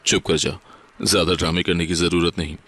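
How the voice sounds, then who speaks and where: A man's voice: low-pitched, flat delivery, a bit bright. A man reading the lines of a harsh, taunting mother-in-law in a storybook narration. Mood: scornful. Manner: taunting, contemptuous. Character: harsh scolding mother-in-law, older woman.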